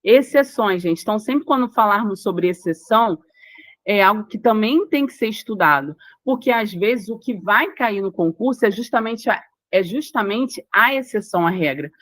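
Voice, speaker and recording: A woman's voice: mid-range voice, animated, moderate pace, a bit bright, no room sound. Dry-voiced Brazilian woman teaching grammar. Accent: Brazilian Portuguese. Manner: explanatory, repeats key words and checks understanding with the listener. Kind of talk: recorded grammar lesson for exam prep.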